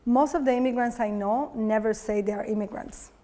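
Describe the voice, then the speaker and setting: Woman from Cuba, native Spanish speaker, artist talk, somewhat high voice, halting and searching. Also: fairly even intonation, warm tone. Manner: halting, searching for words with many fillers. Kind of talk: public talk. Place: gallery talk before an audience.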